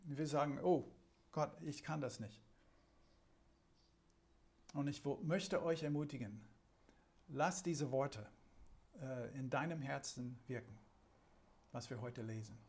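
Slow, deliberate preacher, man with an accent. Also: medium pitch, darkish tone. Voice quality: light foreign accent. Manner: slow and deliberate, dramatic when reading scripture. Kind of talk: sermon.

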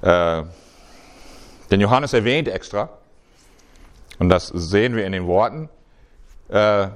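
Male preacher, lowish voice, chatty and halting, restarts often. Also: lively intonation. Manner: conversational, halting, many restarts. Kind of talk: sermon.

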